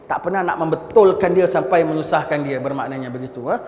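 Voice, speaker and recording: A man from Singapore with a Singaporean Malay accent, giving a conversational mosque lecture. He mixes in English words and often checks his listeners with a quick "ha?". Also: fairly high pitch, a little mellow. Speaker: religious teacher. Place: large mosque hall. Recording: echoey hall with long reverb and faint background noise.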